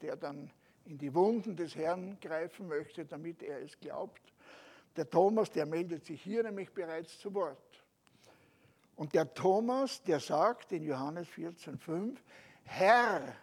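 High-pitched guy preaching a sermon, emphatic, slows on key bits and drops quiet, keeps asking the crowd "right?". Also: husky. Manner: emphatic, with slow stressed phrases and soft drops; speaks to listeners with rhetorical asides.

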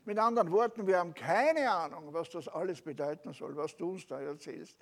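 A man preaching a sermon, emphatic, slowing on stressed phrases and dropping soft at the ends, turning to listeners with rhetorical asides. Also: fairly high pitch.

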